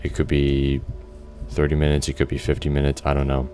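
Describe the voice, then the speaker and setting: A man's voice: extremely low pitch, completely flat delivery, fairly quick, dark tone, faint music behind. A man casually talking through his gameplay, thinking aloud with lots of restarts, fillers and the odd swear word. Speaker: gameplay video creator.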